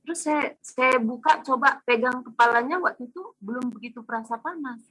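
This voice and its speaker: A woman recounts a family episode in casual, animated speech, slipping into the voices of her children. Her tone is slightly husky. The sound is dry and close, as on a video call. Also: sits high, a little fast, no room sound, poor audio. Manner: animated, acts out family dialogue. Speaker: testimonial speaker. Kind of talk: casual storytelling testimony.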